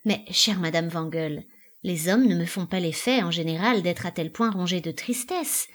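A woman reading the part of a reasonable, composed gentleman who speaks in a measured, reassuring way. Her voice stays husky and close to her own. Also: fairly low pitch, lightly acted. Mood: reasoning. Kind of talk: dramatic play reading.

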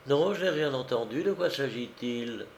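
Sly housekeeper, male reader, wheedling, persuasive, higher voice. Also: animated, moderate pace, vocal fry, slight background noise. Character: sly scheming woman housekeeper.

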